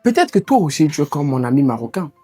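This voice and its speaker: A man's voice: fairly high pitch, very animated, fast, warm tone, faint music behind. A man giving a motivational video lesson, talking straight to the viewer in an encouraging, insistent way. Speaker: online English coach.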